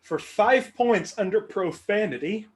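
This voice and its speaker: Game show host, male, unhurried clue reader with a lively, high voice. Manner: dry, mock-serious joking. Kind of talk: reading trivia clues.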